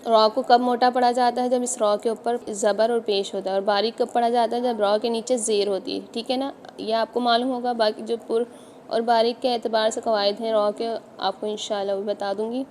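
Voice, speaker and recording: A woman's voice: fairly high pitch, flat delivery, darkish tone, a little hiss or hum. Patient woman teaching Quran pronunciation. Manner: patient, explanatory, models letter sounds slowly. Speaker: tajweed teacher. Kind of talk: online Quran pronunciation lesson.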